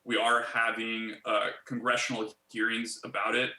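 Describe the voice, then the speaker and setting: A man in his thirties, a company chief executive, answering interview questions in a measured way with many fillers and restarts. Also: mid-range voice, flat delivery, bright, forceful tone, echoey room. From Bulgaria.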